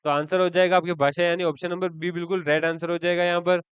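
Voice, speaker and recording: Male teacher for exam prep, fairly high voice, smooth, dry close recording; repeats terms, quizzes himself. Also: level tone, fast talker, dry recording, muffled recording. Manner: repeats key terms, asks and answers his own questions. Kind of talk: online lecture.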